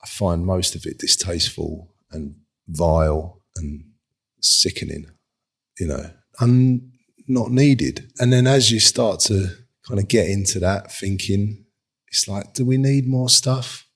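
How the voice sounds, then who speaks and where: A furniture designer, appearing as a guest, chats rambling and self-mockingly in a casual interview, laughing often. His husky voice sits low and moves at a slow pace.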